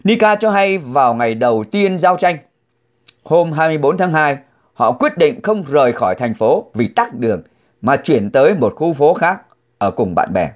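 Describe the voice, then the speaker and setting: Animated male newsreader, lively pitch. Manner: halting, deliberate delivery with emphatic pitch swings. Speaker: news reader. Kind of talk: reading news aloud to listeners.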